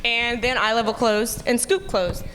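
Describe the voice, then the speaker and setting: A young woman with a bright, fairly high voice says her R's like W's as she chats through a casual stage presentation. She is informal and joking, recorded in a reverberant hall with background noise. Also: fairly even intonation, a little slow, faint music behind. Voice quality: trouble saying R's, sounding like W. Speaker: art gallery co-founder, co-presenter. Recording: hall reverb with noisy ambience.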